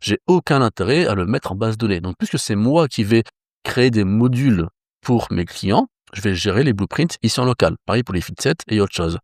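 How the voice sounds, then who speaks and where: A man's voice: lowish voice, animated, brisk, no room sound, clean studio sound. A man giving a casual screen-share tutorial as a developer trainer, talking conversationally with fillers and self-corrections.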